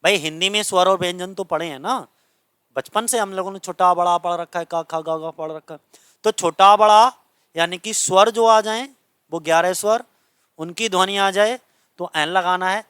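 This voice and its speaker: A man's voice: sits high, moderate pace, a bit bright, smooth, no room sound, clean studio sound. A man from India teaching a grammar lesson in a coaching class, explaining patiently, repeating points and checking that students follow.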